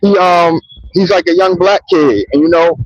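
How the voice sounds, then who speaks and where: The audio is dry and dull as a high-voiced vlogger speaks at normal speed into a handheld mic outside near trains in a public spot. He rambles in a loose, profane monologue, repeatedly returning to "you know what I mean."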